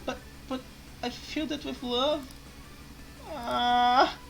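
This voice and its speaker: A woman's voice: mid-range voice, expressive, normal speed, soft background music, natural voice, rough recording. A woman voicing a timid, clumsy maid who speaks as a servile, pleading, apologetic servant to her masters in a video game. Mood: tearful pleading.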